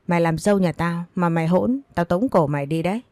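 A woman's voice: on the low side, fast talker, darkish tone, dry recording, close to an everyday voice. A woman reading the part of a bitter, scolding older mother-in-law who wails accusations. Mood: wailing. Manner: accusing, wailing complaints.

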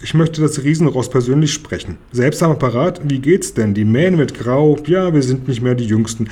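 Brief: ein Mann als schlaues schwarzes Pferd, spöttisch und selbstsicher, leicht heisere Stimme, Kinderbuch. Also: male voice, medium pitch, moderate pace, mellow, close to an everyday voice. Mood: chatty. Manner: mocking, self-assured.

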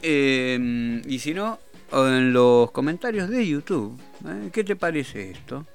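A man's voice: medium pitch, expressive, takes it slowly, gravelly, clean tone, soft background music. A man with an Argentine accent hosting a talk show, rambling and joking in casual chat. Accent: Rioplatense Argentine Spanish. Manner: rambling, jokey, self-amused. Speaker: radio show host.

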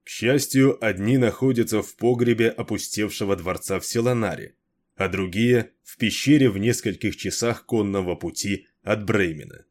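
A man reads a brooding, cursed immortal from an audiobook. He speaks in a fairly low, grave voice, slow and measured. He sounds tired of endless years. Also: a little mellow, lightly acted. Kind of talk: audiobook character reading.

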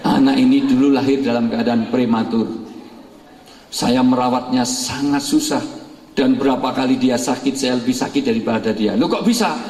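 A middle-aged man giving a lively sermon, telling stories and jumping to high exclamations and jokes. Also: moderate pace. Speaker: preacher. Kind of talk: lively sermon to a women's religious gathering. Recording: echoey hall with faint noise.

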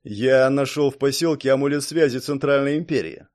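A man reading aloud, voicing a confident, quick-witted young man in an audiobook. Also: medium pitch, darkish tone, natural voice.

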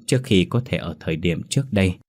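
Bitter low-voiced male storyteller. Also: animated, fast, a little mellow. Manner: bitter, scornful. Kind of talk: scripted first-person horror-story narration.

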